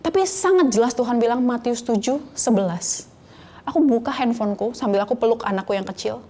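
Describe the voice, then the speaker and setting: A woman's voice: on the high side, animated, fairly quick, warm tone. A woman in her thirties telling a personal faith story in an interview, earnest, now and then slipping into English phrases. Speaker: guest sharing a faith testimony. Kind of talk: conversational interview testimony.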